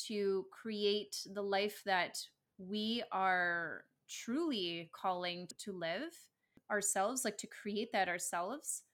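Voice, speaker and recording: With a medium pitch and slightly bright voice, this podcast co-host discusses spirituality conversationally. English is her first language, and she comes across as earnest and reflective, laughing readily.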